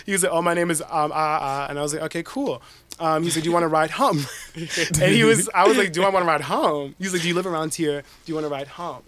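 A man casually telling a long personal story on a podcast, animated and slangy, peppered with 'like' and laughter. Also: fairly high pitch, fast talker. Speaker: podcast guest.

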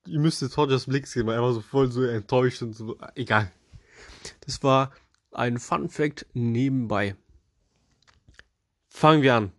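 A man's voice: mid-range voice, a little slow, long pauses, dry recording, clean studio sound. A young man hosting a casual storytelling podcast, joking and slangy, with playful restarts. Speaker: podcast host.

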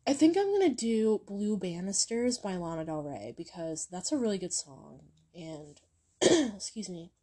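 Rambling young woman with a mellow, slow voice. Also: medium pitch, big pitch swings. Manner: rambling, filler-heavy, lots of ums and likes. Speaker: YouTuber recommending songs. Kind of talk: casual music chat.

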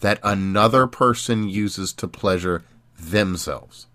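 A man's voice: on the low side, slow, bright, forceful tone, no echo. A man co-hosting a casual podcast, blunt with dry sarcastic remarks. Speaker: podcast co-host.

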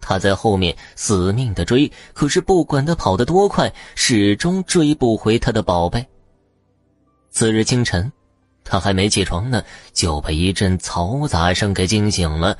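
Deep, expressive male storyteller. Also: a little slow, no echo, faint music behind. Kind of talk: audio story narration.

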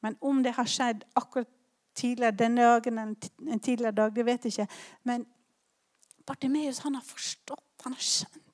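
A woman preaching a sermon, retelling a Bible story in a conversational way with personal asides and fillers. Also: sits high.

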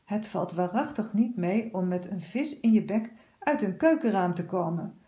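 A woman calmly reading a children's story aloud. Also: medium pitch, normal speed, dull audio.

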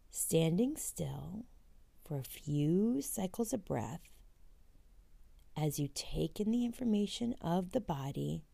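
A woman leading a guided meditation in a gentle, unhurried way, her voice breathy and drifting toward a near-whisper. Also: low-pitched, no echo. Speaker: podcast host and meditation guide.

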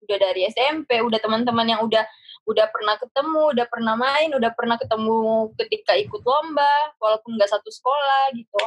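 A young woman speaking casually on a podcast, loose and slangy, circling back over her own words. Her voice sits fairly high and has a breathy, husky edge. The sound is close and dry. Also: brisk, no room sound. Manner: relaxed, chatty, repeats herself, slangy. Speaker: guest.

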